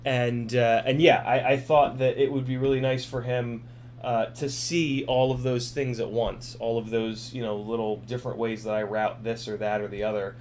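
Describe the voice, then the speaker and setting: A man's voice: medium pitch, flat delivery, normal speed, darkish tone, slight background noise. A young man on a casual live stream, reading out chat messages and rambling with lots of fillers and restarts, swearing now and then.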